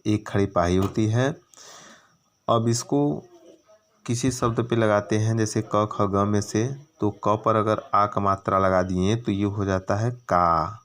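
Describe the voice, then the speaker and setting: Man teaching kids their vowel signs, slow and patient, stretches out the sounds. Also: lowish voice, a bit bright. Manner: patient, drawn-out syllable demonstrations. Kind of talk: children's lesson on Hindi vowel signs.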